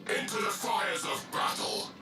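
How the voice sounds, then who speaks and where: A gruff space marine from a video game. He is solemn and zealous, delivering battle orders like a holy warrior. The voice echoes as if in an empty room and sits quietly behind the stream. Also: unhurried, distant mic, music in the background. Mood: battle-ready.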